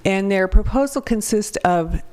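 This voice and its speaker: A woman consultant with a raspy, hoarse voice, presenting a project to a city council in an orderly way. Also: mid-range voice, lively intonation, unhurried, darkish tone. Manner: orderly, reads through points with some fillers. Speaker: public art consultant.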